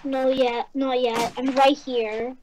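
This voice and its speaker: A woman's voice: high voice, little pitch movement, takes it slowly, noisy background. A female co-player chatting casually during a game, giving brief, reactive replies. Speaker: co-player in a gaming video.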